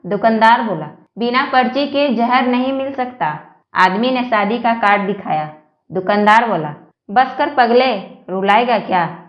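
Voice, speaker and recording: A woman reading a series of short jokes aloud, telling them slowly and evenly with the quoted lines. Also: a little high, echoey room, dull audio. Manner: slow, even joke telling with quoted lines. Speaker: joke narrator.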